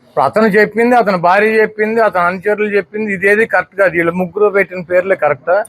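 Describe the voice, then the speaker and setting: Combative high-pitched man at a press meet. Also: steady tone, fast, fairly bright tone. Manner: combative, fires rhetorical questions. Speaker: political spokesperson at a press meet. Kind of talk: heated political press statement.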